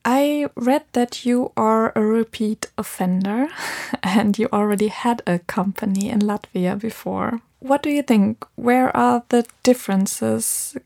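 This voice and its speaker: A woman interviewer asking measured follow-up questions. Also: a little high, creaky, a little mellow, no room sound, studio quality.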